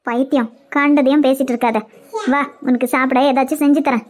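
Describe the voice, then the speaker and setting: A woman's voice: high-pitched, steady tone, a little fast, lightly acted. Woman doing a bossy old auntie in a cartoon, kanyakumari tamil accent, nagging but kind. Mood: bossy, caring. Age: older. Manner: bossy, coaxing, scolding. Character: older aunt, scolding yet caring elder woman. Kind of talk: cartoon web series voice acting.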